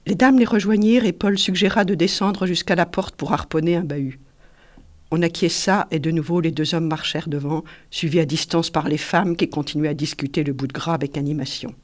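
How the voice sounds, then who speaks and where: A woman reading a literary excerpt aloud in a measured, expressive way. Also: low voice. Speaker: reader.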